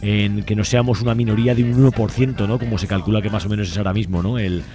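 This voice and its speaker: With soft music behind him, a man from Spain delivers a casual radio report as host, speaking quickly in a lowish voice with fairly even intonation. Many of his phrases close on a small question tag.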